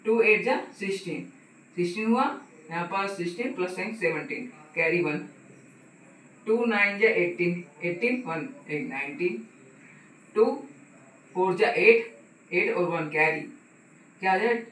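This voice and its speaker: A man with a high, slightly bright voice teaches math slowly, leaving long pauses. He is a patient, repetitive tutor giving a casual step-by-step lesson, often saying "ठीक है" and putting questions to the viewer. The room is echoey and the mic sits at a distance.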